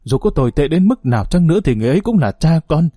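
A man's voice: fairly high pitch, big pitch swings, racing, mellow, husky, dry recording, voice pushed up. A man voicing a stern elderly grandmother in an audiobook, firm and lecturing.

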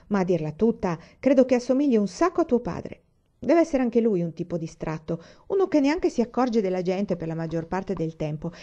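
A woman's voice: medium pitch, mellow, muffled recording. A woman voicing a blunt, stubborn orphan girl with a gloomy, matter-of-fact way of talking, read as an audiobook.

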